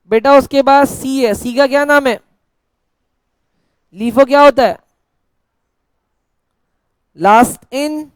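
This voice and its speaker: A male teacher giving a lecture in a playful way, dictating notes slowly word by word and answering his own questions in a mock student voice. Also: very high-pitched, clean tone, no room sound. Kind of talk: classroom lecture.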